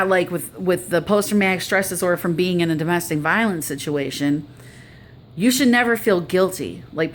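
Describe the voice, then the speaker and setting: A woman's voice: fairly low pitch, slight background noise. A middle-aged woman talking casually to the camera in an earnest, conversational way, sharing her own experience. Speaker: vlogger sharing personal experience.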